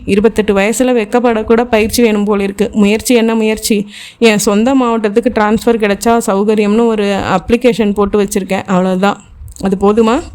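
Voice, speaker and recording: A woman's voice: fairly high pitch, darkish tone. A woman reading a thriller novel aloud as an audiobook, speaking every character's dialogue in her own voice. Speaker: audiobook narrator.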